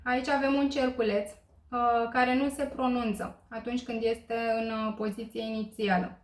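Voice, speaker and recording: A woman teaching a language lesson, explaining slowly with many filler pauses and checking in with listeners. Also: on the high side, flat delivery. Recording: echoey room.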